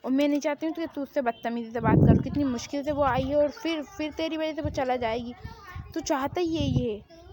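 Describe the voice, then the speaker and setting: A woman's voice: high voice, brisk, noisy background, lightly acted. A woman doing a doting mother-in-law. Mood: scolding.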